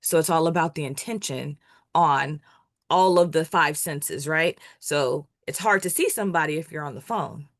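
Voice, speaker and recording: A woman's voice: low-pitched, normal speed, no room sound, clean studio sound. A woman co-presenting an online workshop, summing up and reinforcing the main points.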